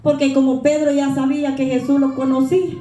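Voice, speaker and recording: A woman's voice: high-pitched, little pitch movement, brisk, dark tone. A middle-aged woman preaching a humble, earnest, conversational sermon in a church. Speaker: lay preacher. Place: church sanctuary. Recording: echoey church room.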